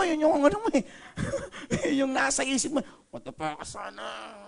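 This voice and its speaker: A male pastor preaching a sermon in a playful way, joking with the congregation. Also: very high-pitched. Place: church service.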